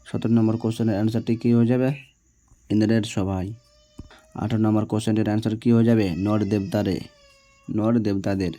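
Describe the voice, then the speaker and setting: Low flat-voiced man teacher. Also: brisk, long pauses. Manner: reads each question, answers it, checks with "ঠিক আছে?". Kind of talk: exam answer walkthrough.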